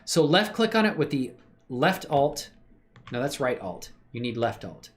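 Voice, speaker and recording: A man livestreams his 3D animation work, chatting casually with viewers in a laid-back, slangy, appreciative way while thinking aloud. His medium-pitched voice is very animated, though his pace stays measured.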